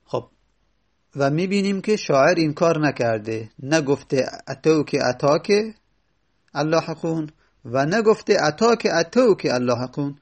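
Gravelly-voiced man teaching grammar. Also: on the high side, animated. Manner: patient, repeats phrases to explain, quotes Arabic verse. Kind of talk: classroom lecture explaining grammar.

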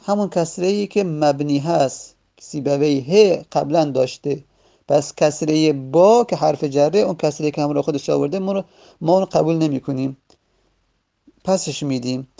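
Gravelly man teaching patiently. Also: a little high, dark tone. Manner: patient, repeats word forms several times; uneven pace, stretches some words and rushes others. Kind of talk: Arabic grammar lesson.

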